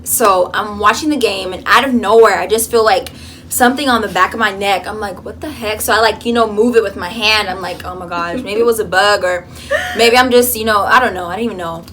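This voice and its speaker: A young woman vlogging in a college dorm room, chatting casually and telling an animated story full of fillers. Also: medium pitch, brisk, slight background noise. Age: young adult. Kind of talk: casual chat.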